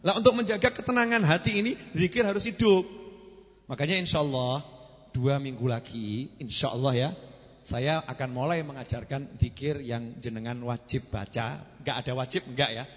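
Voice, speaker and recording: A man preaching a sermon to a gathering, swinging from loud to soft and asking rhetorical questions. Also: medium pitch, normal speed. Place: large gathering hall. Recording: long reverb of a large hall.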